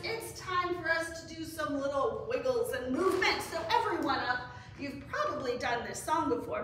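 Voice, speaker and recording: Story time for children, with reading, action songs and chirpy sing-song counting, is led by a middle-aged woman who works as a children's librarian. She sounds high-pitched with a fairly bright tone. A camera across the room records her from a distance amid echo and faint noise.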